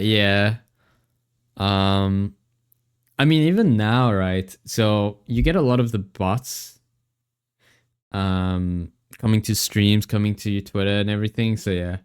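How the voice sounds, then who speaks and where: A man's voice: on the low side, clear, resonant tone. Upbeat male streamer on a headset mic. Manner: chatty, rambling, upbeat. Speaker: livestreamer. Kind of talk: casual stream chat thanking viewers. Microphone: livestream headset mic.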